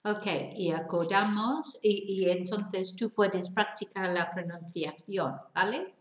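A woman with a Manchester accent teaches a bilingual language lesson at a very slow, deliberate pace. She reads each example sentence out carefully. The room around her echoes noticeably. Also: mid-range voice. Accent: Northern English, Manchester. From England. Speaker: English teacher.

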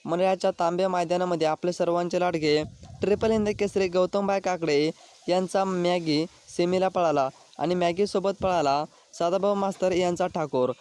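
A man's voice: high-pitched, fairly even intonation, normal speed, darkish tone, clean tone. A man hosting a channel, reading scripted race news and often addressing his viewers directly. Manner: repeatedly addresses viewers as friends. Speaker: channel host.

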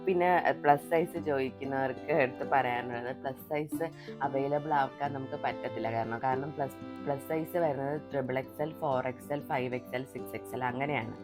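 A woman's voice: a bass voice, fairly quick. A young woman chatting casually to her viewers as a family vlogger, often adding a friendly tag to her sentences. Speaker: family vlogger and clothing seller. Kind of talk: casual vlog chat. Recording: background music under the voice.

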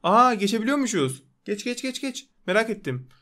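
A man's voice: high-pitched, big pitch swings, normal speed, sharp tone. A young man giving rowdy, joking gameplay commentary, scolding the game characters in a put-on comic street manner. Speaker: gaming YouTuber.

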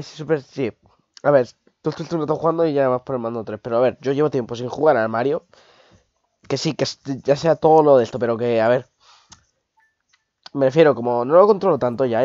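A man, hoarse from a cold, giving excitable live gameplay commentary, swearing and yelping at mishaps. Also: medium pitch, fairly quick, no echo. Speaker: streamer. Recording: dull lo-fi stream audio with game music.

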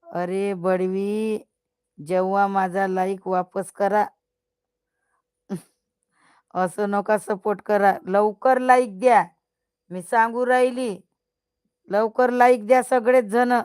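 A woman's voice: mid-range voice, steady tone, slow, long pauses, darkish tone, clean tone, no room sound, clean studio sound. An older woman hosting a casual live stream, teasing and scolding her viewers and often breaking into laughter.

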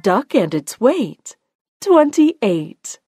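Very slow, lilting female bingo caller. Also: on the high side, very animated, a little mellow. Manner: deliberate, announcing in short separate phrases. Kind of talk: bingo calling with rhyming nicknames, announced number by number. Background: music.

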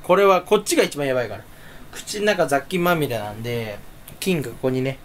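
Casual solo chatter, male, rambling and self-deprecating, pitch leaps all over. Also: expressive, brisk, a little hiss or hum. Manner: rambling, self-mocking, swings pitch up suddenly. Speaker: streamer.

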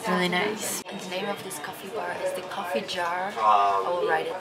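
A woman's voice: on the low side, steady tone, moderate pace, creaky, a loud crowd, poor audio. A young woman in casual vlog chat, walking outdoors in a city and talking to a handheld camera, upbeat and chatty with French words mixed in. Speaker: vlogger. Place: walking outdoors on city streets and in a small café. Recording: loud street ambience.

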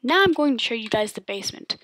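A woman's voice: on the high side, fast, dry recording. A woman giving a casual, rambling voice-over tour of her game world, with lots of ums and likes. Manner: relaxed, rambling with many ums.

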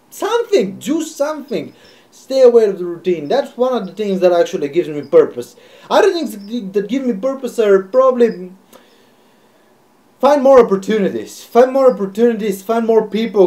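A young man from Bulgaria talking reflectively to his webcam in a small room, animated and repeating phrases for emphasis. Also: very high voice. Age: young adult. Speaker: video creator. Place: small bright room indoors. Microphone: webcam at close range, filmed from below.

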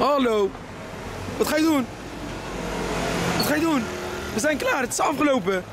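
A man's voice: very high voice, expressive, moderate pace. A man calling out and chatting casually from behind a camera outdoors. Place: outdoors beside a road. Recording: loud outdoor traffic and vehicle noise.

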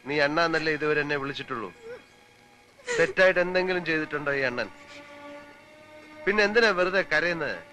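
A devoted young fella, earnest and pleading, bright forceful voice, soft music under it. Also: male voice, a little high, lively intonation, a little fast, long pauses. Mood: tender. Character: devoted young man, protective and tender. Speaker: film character. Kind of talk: 1990s film acting.

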